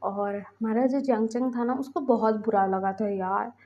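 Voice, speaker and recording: Woman telling her fan fic story, chatty with lots of fillers, kinda high voice, muffled audio. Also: measured pace. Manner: chatty, with fillers, retelling scenes. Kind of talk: casual fan fiction storytelling. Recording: dull lo-fi voice recording.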